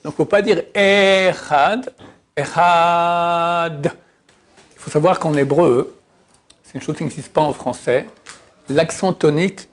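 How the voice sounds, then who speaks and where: A man's voice: a little high, slightly rough. A man giving an informal religious lesson. He stretches out and half-sings Hebrew words to show how they are said, and he drops casual, teasing asides between the examples. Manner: lively, drawn-out demonstrations of words, half-sung. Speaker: religious teacher.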